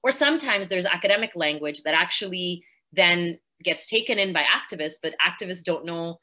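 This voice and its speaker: A woman's voice: fairly low pitch, lively intonation, a little fast, bright, forceful tone. A woman speaking earnestly and fluently as a panelist in an online discussion, talking from home over a video call. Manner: earnest, fluent activist talk with fillers. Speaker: panelist, podcast host.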